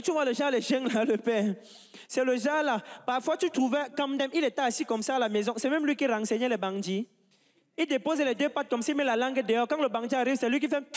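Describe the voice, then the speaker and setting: A man doing stand-up and introducing acts on a comedy stage, animated and hyping up the crowd. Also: extremely high pitch. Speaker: comedy show host. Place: large stage with live audience. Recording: live stage sound with long reverb.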